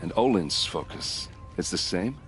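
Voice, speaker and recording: An actor playing a grieving soldier in a video game, speaking in a blunt and insistent way. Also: male voice, sits low, very animated, a little slow, fairly bright tone, faint music behind, heavily acted. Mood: questioning. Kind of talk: video game dialogue acting.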